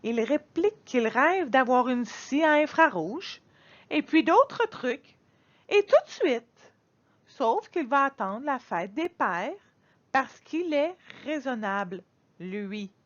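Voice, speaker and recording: A woman reading a children's picture book aloud in an expressive, dramatic storytelling manner. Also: sits high, slow, dull audio. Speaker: storybook reader.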